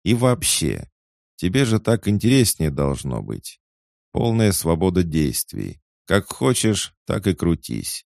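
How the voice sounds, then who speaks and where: A man voicing a mocking male cat tsar who teases and gives playful advice in a raised, lively voice. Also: sits low, slow pace, gravelly, no room sound, clean studio sound, pitched above the performer's own voice, heavily acted. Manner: teasing, sing-song and lively.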